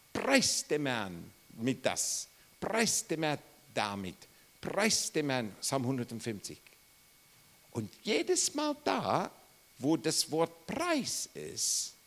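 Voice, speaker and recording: Slow, animated preacher. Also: male voice, medium pitch. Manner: animated, acts out quotes, bursts of loud exclamations; slow and drawn out. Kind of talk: sermon.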